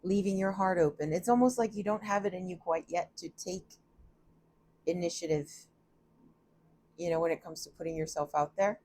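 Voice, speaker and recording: A woman's voice: on the low side, steady tone, normal speed, long pauses, dark tone. A woman giving a casual, chatty tarot reading from a room at home, thinking aloud and often laughing at herself. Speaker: tarot reader.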